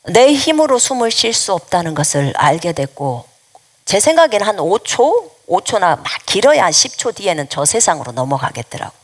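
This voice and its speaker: A woman's voice: medium pitch, sing-song, normal speed. A woman missionary preaching a sermon, giving earnest personal testimony with an emphatic, repetitive cadence. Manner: earnest testimony, dropping at times to a hushed, near-whispered voice.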